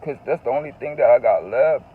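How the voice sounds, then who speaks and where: A man's voice: mid-range voice, expressive, brisk, breathy edge, narrow, tinny audio. A man telling a personal story in a casual, confessional vlog, earnest and emotional, often repeating phrases for emphasis. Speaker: vlogger.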